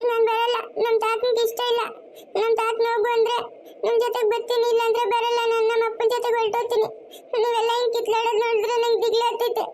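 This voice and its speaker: A woman's voice: extremely high pitch, monotone, quick pace, darkish tone, a little hiss or hum. A woman voicing a tearful young girl in a family cartoon, pleading between sobs. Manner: pleading, sobbing speech.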